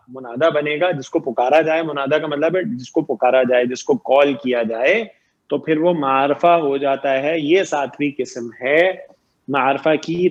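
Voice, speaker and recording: Guy teaching grammar online, patient, keeps asking the class questions, muffled audio. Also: on the high side. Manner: explains patiently, asks students questions and repeats points.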